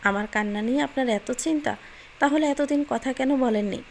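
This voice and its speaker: A woman's voice: high voice, moderate pace, slight background noise. Woman reading as a sulky lovesick young girl. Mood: pleading. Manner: soft, sulky, pleading.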